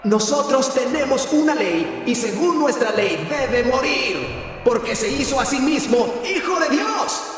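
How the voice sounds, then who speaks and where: A man voicing an angry crowd of accusers in a dramatized scripture reading, shouting drawn-out demands. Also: very high voice, expressive, a little hiss or hum, voice pushed up, full character voice. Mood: furious. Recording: reverberant hall with music behind.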